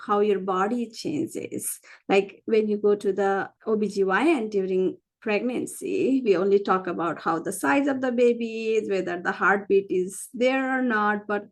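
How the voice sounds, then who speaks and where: Speaking at medium pitch and a normal speed, a Nepali-accented woman from Nepal shares a frank, chatty personal story as an interview guest. She is a physician and founder, and she repeats phrases to stress her points.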